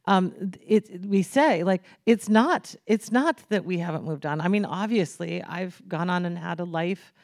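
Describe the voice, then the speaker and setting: A woman's voice: lowish voice, measured pace, hardly any pauses, darkish tone, no echo, clean studio sound. A woman author speaking earnestly and thoughtfully in a conversational interview.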